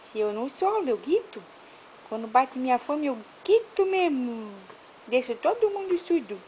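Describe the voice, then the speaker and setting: A woman's voice: sits high, sing-song, moderate pace, darkish tone, slight background noise, poor audio. A woman voicing her fussy, hungry baby boy in a whiny, babyish way.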